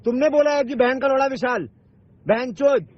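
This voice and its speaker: Speaking at normal speed in a very high-pitched voice, an online video maker argues heatedly on the phone. He's insistent and confrontational, swearing and repeating himself, and the recorded call sounds dull and lo-fi.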